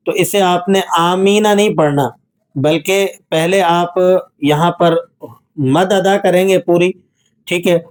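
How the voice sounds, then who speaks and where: A man teaching a tajweed lesson, patiently explaining rules and reciting examples slowly. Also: fairly high pitch.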